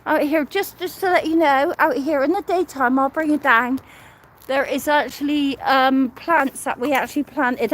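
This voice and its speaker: A woman's voice: high voice, slight background noise. A woman giving a casual live walking tour outdoors at night, a little out of breath and rambling, often repeating and restarting phrases as she walks. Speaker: vlogger. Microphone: phone held while walking.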